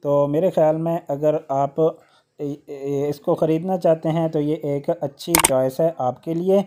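A man hosting a how-to video, explaining a workshop machine step by step with occasional hesitant "uh" pauses. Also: on the high side, steady tone, background noise. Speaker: electrician channel host.

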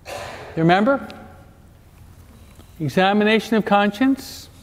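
A priest's high, animated voice moves slowly through a parish talk, with a little hiss or hum in the audio. He's in a large church whose echo gives a long reverb, and he jokes while teaching, constantly checking in with the audience by asking questions.

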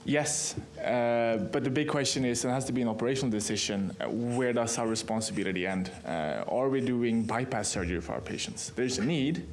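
A man answering as a panelist at a conference, talking quickly and working through questions aloud. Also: mid-range voice. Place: conference hall panel table. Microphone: table microphone.

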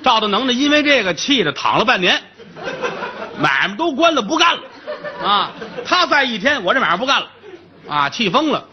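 A man's voice: very high voice, sing-song, fairly quick, dull audio, crowd noise. A man telling a classic tale as a traditional comic storyteller, colloquial and full of comic asides.

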